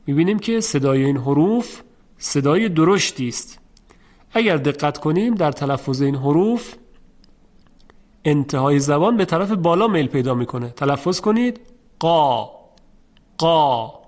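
A man teaching Quran recitation in a patient, methodical way, stretching out example sounds slowly and clearly. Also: fairly high pitch, expressive, darkish tone. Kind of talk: instructional lesson.

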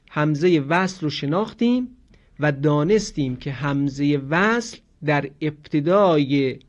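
A man teaching a grammar lesson slowly and clearly, stopping to sound out words as examples. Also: a little high. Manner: slow, explanatory, demonstrates pronunciation. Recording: dull lo-fi recording.

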